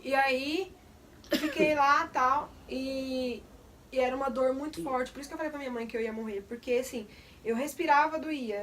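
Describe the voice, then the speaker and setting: A woman's voice: high voice, a bit bright, distant mic, a little hiss or hum. A young woman, candidly recounting a personal testimony in detail. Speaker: vlogger. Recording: voice a bit off the mic.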